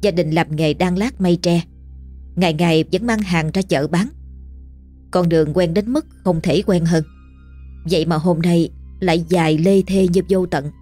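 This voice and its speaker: Low-voiced woman narrating a ghost story. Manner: steady, measured storytelling. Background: faint music.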